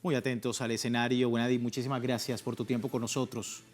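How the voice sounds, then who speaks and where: A man's voice: mid-range voice, flat delivery, fast talker. A man with a Latin American Spanish accent presenting a current affairs programme in a broadcast news style, as host and interviewer.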